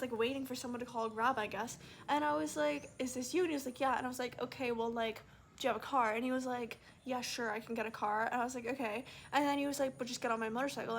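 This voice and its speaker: A woman's voice: a little high, a little hiss or hum. A young woman telling a story in a casual vlog, chatty and full of "like" fillers. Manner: chatty, fast, lots of "like" fillers. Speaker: vlogger.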